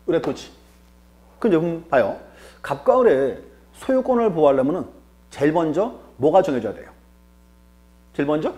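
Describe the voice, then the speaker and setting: Teaching an exam-prep class, a man asks rhetorical questions he then answers and drives key terms home through repetition. His voice sits on the high side and has a dark tone.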